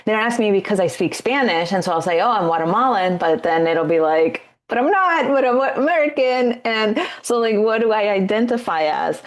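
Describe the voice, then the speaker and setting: A woman's voice: medium pitch, animated, normal speed, few pauses. Chatty woman podcast host. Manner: chatty, rambling questions with "like" and "um". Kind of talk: podcast interview.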